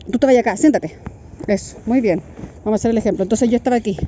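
A woman's voice: fairly high pitch, rapid-fire. Chatty Chilean mother vlogging. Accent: Chilean Spanish. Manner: chatty, animated storytelling with laughs. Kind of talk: casual family vlog. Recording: slightly dull phone audio with faint noise.

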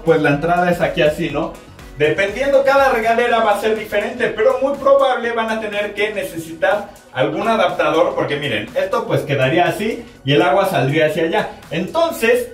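Here a thirty-something man with a Mexican Spanish accent does a casual product test at home, filming in his bathroom and shower and addressing his audience directly in a playful, excited way. His voice sits high. The audio is roomy and distant, and faint music can be heard.

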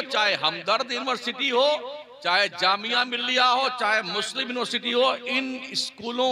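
High-pitched preacher guy, fiery sermon, stacking up lists, live event with a crowd. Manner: impassioned oratory with repeated rhetorical lists. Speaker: Islamic preacher. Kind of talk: conference sermon. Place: public religious conference with a live audience.

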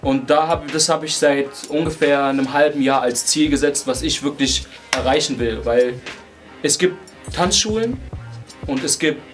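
A man's voice: on the high side, normal speed. Young man talking over music. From Germany. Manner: relaxed, searching for words with fillers and restarts. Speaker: hip hop dancer. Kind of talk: casual interview talk. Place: indoors beside a wooden wall. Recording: music playing under the voice.

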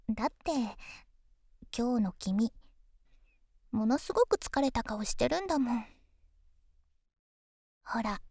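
A woman voicing an affectionate, teasing young girlfriend in an ASMR ASMR role-play, soft and coaxing, intimate pillow talk. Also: high-pitched, no echo, studio quality.

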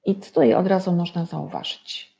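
A woman teaches young children to read, taking her time over every sound. Her voice is low, mellow and a little gravelly. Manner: slow, patient, drawn-out syllables for children. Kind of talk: early-school reading lesson.

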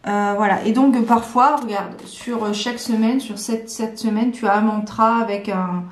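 A woman's voice: a little high, steady tone, normal speed. Chatty woman in echoey room. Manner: chatty, hesitant, many fillers and restarts. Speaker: vlogger presenting planners. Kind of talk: casual chat to camera. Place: home room.

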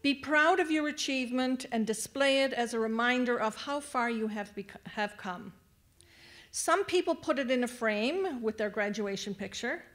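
A woman's voice: a little high, normal speed. A woman speaking at a graduation ceremony, addressing the graduates and guiding them through the tassel ritual from a podium microphone in a large venue. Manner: warm, directing the crowd with instructions. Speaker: adult education staff speaker at graduation.

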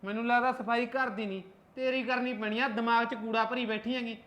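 A short-tempered, grumbling husband, played by a woman, with a fairly high voice. He talks quickly and keeps nagging and scolding. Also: steady tone, fairly bright tone, natural voice.

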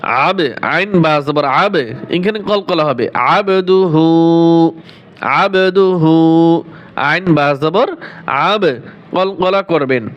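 A man teaching Quran pronunciation step by step, chanting each phrase slowly and stretched out between quick explanations. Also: fairly high pitch, animated, highs cut off.

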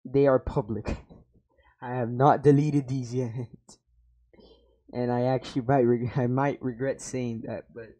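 Sitting in a small home room with an over-ear headset mic, a young man rambles about his old gaming videos, swearing freely and mocking himself. He speaks a little slowly in a steady, dark, medium-pitched voice.

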